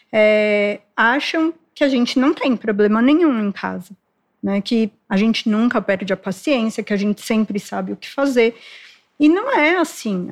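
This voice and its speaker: A woman, a child development specialist, explaining calmly in a podcast conversation and acting out what parents say. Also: on the high side. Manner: explanatory, acts out parents' lines.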